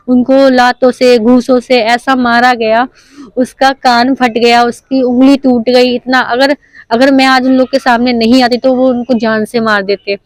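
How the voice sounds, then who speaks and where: A young woman speaks to a reporter in an earnest, insistent way. Her voice sits fairly high and stays on a narrow, steady pitch. The sound is dry and close, with no room echo. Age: young adult. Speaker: nursing student giving a statement. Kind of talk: news interview statement.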